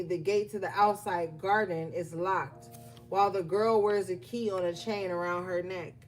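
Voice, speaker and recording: A woman with a mid-range voice gives a collective tarot reading, casually addressing viewers at an unhurried pace over soft music. She reads guidebook text aloud, then riffs loosely with fillers. The recording is rough.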